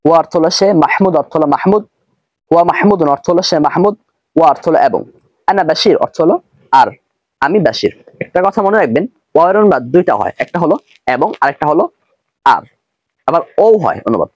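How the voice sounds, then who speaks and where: A man teaching an Arabic textbook lesson, translating slowly word by word and explaining each term. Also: fairly high pitch, lively intonation, no room sound, lo-fi sound.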